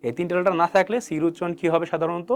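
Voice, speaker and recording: A man's voice: high voice, steady tone, racing, vocal fry. A man teaching English pronunciation as a lesson, asking questions and answering them himself and repeating key words. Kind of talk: spoken classroom lesson.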